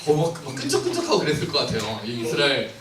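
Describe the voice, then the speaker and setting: A man's voice: medium pitch, wildly swooping pitch, racing. A male pastor preaching a playful sermon that asks the congregation questions and acts out the scripture scenes. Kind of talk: lively sermon to a congregation with children. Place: church sanctuary. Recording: roomy church hall, mic at distance, faint noise.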